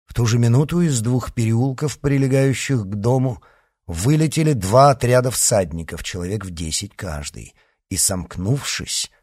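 A male narrator reading an adventure novel aloud with a very animated, expressive delivery. His voice sits in an ordinary middle range, and the recording is dry and close with no room sound. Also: lowish voice, husky, no echo. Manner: expressive storytelling. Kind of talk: audiobook reading of a classic novel.

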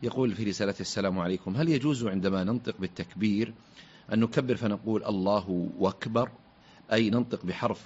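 Low-voiced, husky male presenter who reads letters very fast and formally, with a dull radio sound. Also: darkish tone. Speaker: presenter reading listener questions. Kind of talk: reading letters on a radio show.

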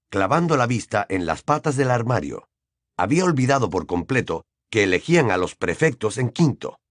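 A man reading a novel aloud as an audiobook narrator, in measured storytelling. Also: fairly low pitch, no room sound, studio quality. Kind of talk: scripted narration.

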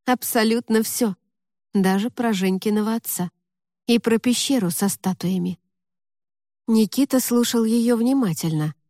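Reading a fantasy audiobook, a woman keeps her storytelling steady and even in a mid-range voice. The clean studio recording carries no echo.

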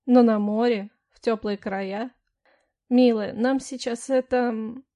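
A woman's voice: a little high, steady tone, dark tone. A woman reading an audiobook, voicing a tired, exasperated young husband who speaks wearily and firmly. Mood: weary. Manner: weary, patient, firm, spoken through pauses. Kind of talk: first-person audiobook narration with dialogue.

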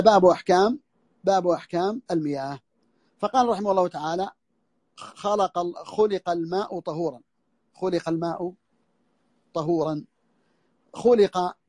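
A scholar teaches a classical text in an audio lesson, his voice set high for a man. He repeats key phrases and restarts sentences as he works through each point. The sound is dry and close, with no room around it. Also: darkish tone, dry recording. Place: audio lesson over a social media voice room.

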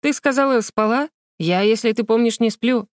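A woman, speaking at a normal speed in a fairly high voice pitched above her own yet close to everyday speech, plays a spiteful girl pretending to be a ghost. The character is cold and mocking toward her friend. The studio sound is clean, with no room noise.

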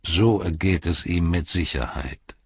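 A man voicing a sneering dark herald. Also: low-pitched, measured pace, husky, no room sound, muffled recording, full character voice. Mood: gloating. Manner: taunting, scornful, gloating. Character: sneering, mocking male herald of a dark lord.

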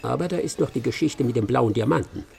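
Voicing a stern, self-assured English master detective in a German radio play, a male actor sounds terse, dry and confident. His gravelly, husky voice is medium in pitch, a little mellow, and he speaks fast.

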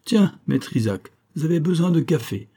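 A man voicing a sly, scheming professor who coaxes in a smooth manner. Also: fairly high pitch, animated, normal speed, mellow, pitched above the performer's own voice. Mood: coaxing.

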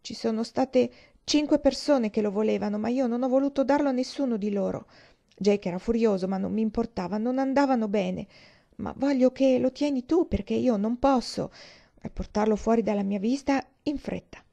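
A woman voicing a sad young boy in a storybook reading, softly and hoarsely. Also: on the high side, normal speed, pitched above the performer's own voice. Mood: pained. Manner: soft and hoarse, then pleading. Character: sad young boy giving up his dog.

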